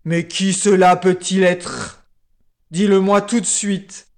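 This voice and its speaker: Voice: steady tone, takes it slowly. A storyteller voicing a furious lion king who barks out commands. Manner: booming, growling commands.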